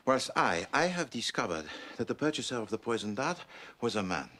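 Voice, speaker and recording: An actor playing a fastidious, courteous middle-aged detective who speaks in precise, formal, mannered phrases. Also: male voice, mid-range voice, very animated, fairly bright tone, slight background noise. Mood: deductive, wry. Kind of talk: television period drama. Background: background music.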